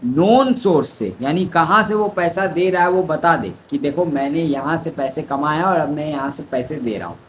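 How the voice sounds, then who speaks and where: A man's voice: on the high side, normal speed, hardly any pauses, a little hiss or hum, poor audio. A young man tutors exam students in law, explaining step by step and answering his own questions. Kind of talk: exam revision lecture.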